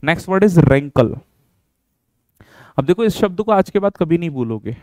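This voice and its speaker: An Indian man with a slightly raised, very clear voice gives an online vocabulary lesson. He explains each word in a chatty, encouraging way and keeps asking rhetorical questions. The recording is dry and close, with no room sound. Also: on the high side, animated, normal speed, a little mellow, dry recording. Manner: chatty and encouraging, mixes English words into Hindi, asks rhetorical questions. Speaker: vocabulary teacher.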